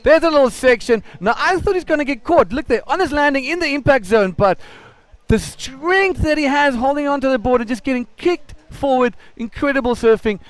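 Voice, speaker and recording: A man giving excited, colloquial live surf commentary, exclaiming and repeating phrases for emphasis. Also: very high-pitched, a little fast.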